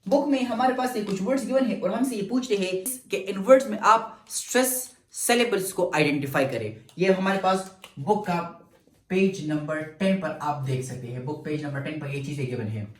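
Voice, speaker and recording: A man from Pakistan, teaching an English grammar lesson and slowly stretching and repeating words to show syllable stress. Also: high-pitched. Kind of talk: grammar lecture mixing Urdu and English. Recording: echoey room.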